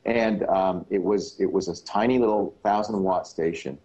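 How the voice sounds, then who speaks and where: A middle-aged man and radio broadcaster in casual chat, telling stories in a relaxed way. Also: moderate pace, poor audio. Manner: relaxed storyteller, slips into deep announcer voice.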